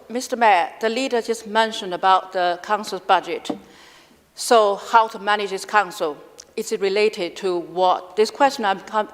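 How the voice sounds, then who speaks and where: A woman councillor who presses her questions persistently with somewhat non-standard grammar. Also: medium pitch. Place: large council chamber. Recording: echoey chamber.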